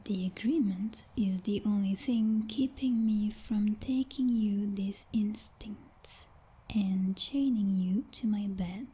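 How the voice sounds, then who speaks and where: In this ASMR roleplay, a woman voices a vampire knight who whispers with heavy breathiness and a medium pitch, and the audio is poor. The character is coldly domineering and possessive, talking slowly with a formal, teasing condescension and a mellow, darkly menacing undertone.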